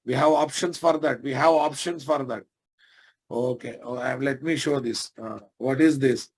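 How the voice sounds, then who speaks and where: A man's voice: medium pitch, normal speed, a little mellow, husky. A man with a Telugu Indian accent giving an informal live programming lesson, often addressing his listeners directly and asking checking questions. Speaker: programming instructor.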